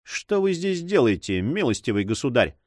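A man's voice: medium pitch, big pitch swings, moderate pace, a little mellow, no echo, clean studio sound, close to an everyday voice. Man voicing an ardent young lover. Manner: fervent and pleading. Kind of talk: audiobook reading.

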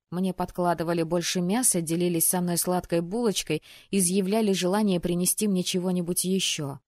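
A woman narrating a fantasy novel in the first person, in an even, measured storytelling voice. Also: on the low side, no echo, studio quality. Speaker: audiobook narrator.

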